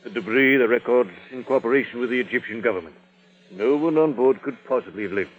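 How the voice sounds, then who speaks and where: A man's voice: medium pitch, fast talker, breathy edge, close to an everyday voice. An actor playing a fussy male insurance clerk who speaks in a prim, formal way in an old radio drama. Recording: tinny old radio broadcast.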